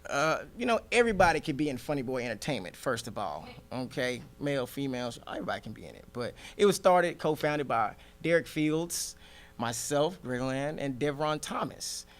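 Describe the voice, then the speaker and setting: A man's voice: mid-range voice, big pitch swings, brisk. A man who does stand-up comedy, talking casually in an interview and laughing often between remarks. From Nigeria.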